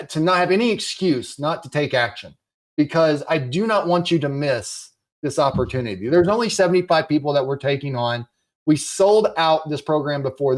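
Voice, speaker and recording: A man coaching real estate investors, giving an urgent, encouraging sales pitch and repeating his phrases.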